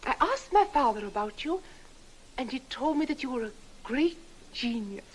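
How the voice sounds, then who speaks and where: An actress in her twenties playing a forward young Swedish visitor, with a Swedish accent and a soft, teasing manner, in 1960s film acting. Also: high-pitched, animated, normal speed, a little hiss or hum, poor audio. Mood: coy. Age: 20s.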